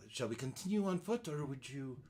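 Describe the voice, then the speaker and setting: Man putting on a raspy, whispery old hag. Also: mid-range voice, a little mellow, voice pushed up. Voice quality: raspy, breathy half-whisper. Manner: old hag croon, slow and coaxing.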